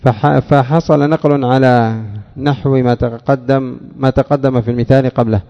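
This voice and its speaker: A man's voice: medium pitch, fairly even intonation, normal speed, dark tone. A man teaching a lesson on grammar, asking questions and answering them himself, repeating key words. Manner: addresses a student by name. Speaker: teacher of Arabic morphology. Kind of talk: classroom lesson explaining a text. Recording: dull lo-fi recording with long hall reverb.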